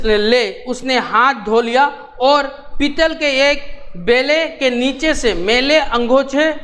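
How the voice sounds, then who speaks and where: A man's voice: very high-pitched, pushed and bright. A male teacher reading a textbook story and stopping to gloss each phrase, with frequent light laughs. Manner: repeats lines and glosses words, laughs often.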